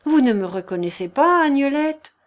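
A woman's voice: high voice, animated, moderate pace, voice pushed up. A woman reading aloud and voicing a tormented young man who leads wolves, speaking in intense, anguished outbursts. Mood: anguished passion. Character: male wolf-leader, tormented, passionate young man.

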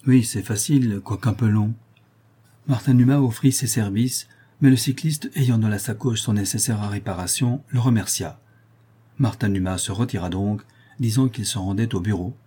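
An audiobook narrator, a man with a lowish voice and a breathy edge, reads a novel in a measured, even storytelling style.

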